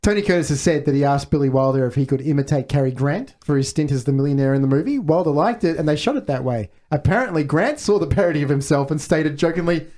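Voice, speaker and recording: A man's voice: on the high side, lively intonation, fast, hardly any pauses, dark tone. A man co-hosting a movie podcast, reading out film trivia in casual chat and laughing often. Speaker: podcast co-host.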